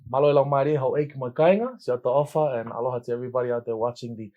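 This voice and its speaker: Warm, gracious man from Tonga. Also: mid-range voice, very fast, phone-quality sound. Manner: warm, grateful, laughs easily. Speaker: podcast co-host. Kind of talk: casual podcast chat.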